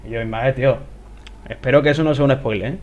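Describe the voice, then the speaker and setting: A man doing casual let's play commentary, talking to himself, swearing often, with sudden excited outbursts. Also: mid-range voice, quick pace, muffled recording. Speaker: gameplay commentator.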